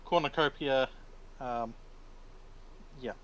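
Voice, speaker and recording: A man's voice: mid-range voice, slow pace, a bit bright, dull audio. A man streaming a video game with casual, conversational chat. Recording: clearly noisy background.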